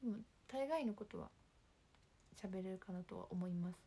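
A young woman with a Kansai accent, chatting casually on a livestream and reading viewer comments in a soft, calm voice that often drops near a whisper. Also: medium pitch, moderate pace, very noisy. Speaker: livestream host. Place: home.

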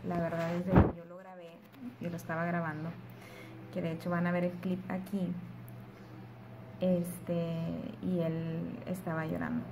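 A young woman, casually telling her vlog audience about giving birth, with emotional, animated retelling and quoted dialogue. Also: on the low side, measured pace, very noisy. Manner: soft, hushed voice while holding her sleeping baby. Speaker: vlogger. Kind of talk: casual storytelling to camera.

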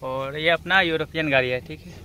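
This man, an auto electrician who hosts videos, gives a hands-on, informal tutorial on a repair, step by step, with frequent short check-in tags. His voice is a little high, brisk and sharp-toned. He's in and beside a car at the engine bay, recorded handheld in a noisy workshop with the engine running.

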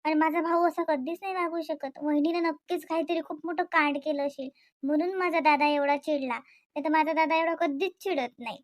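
A woman's voice: sits high, steady tone, brisk, no echo, studio quality. A woman plays a wife in a domestic comedy skit. She complains with worry and pushes her point with heated insistence. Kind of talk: scripted domestic comedy dialogue.

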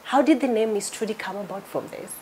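A woman from Kenya hosting a studio television interview, asking questions in an expressive, lively way. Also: mid-range voice, brisk, a little hiss or hum. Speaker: talk show host. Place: TV studio set.

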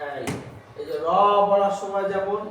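A woman teaching a Quran recitation class, asking questions over and over and pushing the pupils to answer louder. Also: medium pitch, a little slow. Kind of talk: call-and-response class drilling. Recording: echoey hall recorded from far off, noisy.

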